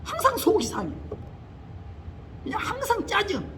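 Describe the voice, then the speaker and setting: Older man, pastor, sermon, storytelling, high voice, faint hiss. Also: normal speed. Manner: animated storytelling, acting out quoted voices. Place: church sanctuary.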